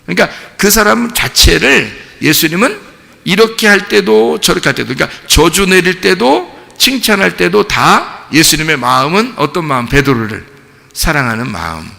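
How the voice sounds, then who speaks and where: A man's voice: high voice, sing-song, moderate pace, creaky, sharp tone. A male pastor giving a chatty, storytelling sermon, often throwing rhetorical questions to the congregation. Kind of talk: conversational sermon. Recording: long hall reverb.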